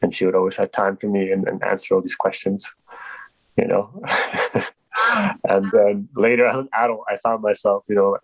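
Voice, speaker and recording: A Polish-born man, appearing as a guest, answers interview questions in a rambling, casual way, full of restarts and fillers. His voice is on the low side, flat and fry-tinged, at a moderate pace. The recording is dry and low quality.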